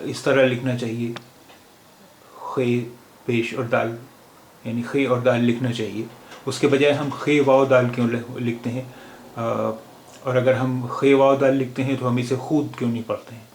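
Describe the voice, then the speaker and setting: A man teaching a language lesson, explaining patiently and pausing often with filler sounds as he thinks aloud. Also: medium pitch, little pitch movement, darkish tone. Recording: roomy with faint background noise.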